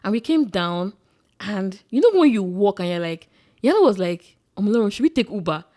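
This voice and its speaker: A young Nigerian woman co-hosting a podcast, telling a rambling, animated story in casual chat. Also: medium pitch, brisk. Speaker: podcast co-host.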